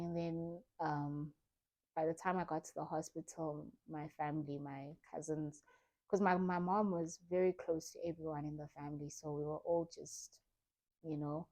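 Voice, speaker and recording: Soft-spoken woman, mellow voice. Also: deep voice, little pitch movement, moderate pace. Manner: soft, reflective, grieving, re-enacting her own thoughts. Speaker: vlogger. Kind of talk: personal storytelling vlog.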